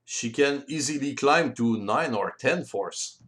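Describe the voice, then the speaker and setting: A native French speaker, a man, narrates a board game rules tutorial in non-native English with a French accent. He speaks carefully and deliberately, at medium pitch, with an expressive, slightly bright tone.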